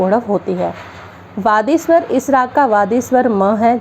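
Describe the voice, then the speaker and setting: A woman's voice: a little high, darkish tone, a little hiss or hum. A woman from Haryana, India, a music teacher giving a classroom-style music theory lesson, explaining each term step by step with simple definitions.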